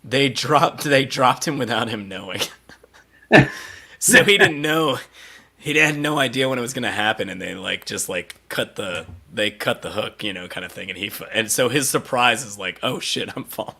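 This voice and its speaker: A man's voice: mid-range voice, lively intonation, moderate pace, gravelly, a crowd in the background. A man hosting a casual live podcast watch party and running trivia, laughing often as he talks.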